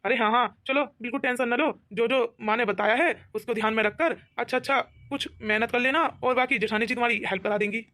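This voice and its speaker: A woman's voice: on the high side, fairly even intonation, quick pace, few pauses, a bit bright, lightly acted. A woman voicing a cheerful, easygoing young husband in a cartoon, talking in a cheerful and scheming way. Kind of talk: cartoon voice acting.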